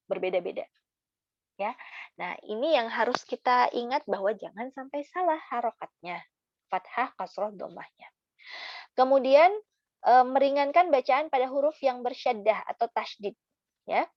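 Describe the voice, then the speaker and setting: Brief: woman recitation teacher, slightly high voice, chatty with fillers, dry muffled recording. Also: dry recording. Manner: chatty, demonstrates recitation slowly, frequent fillers. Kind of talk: casual tajwid lesson.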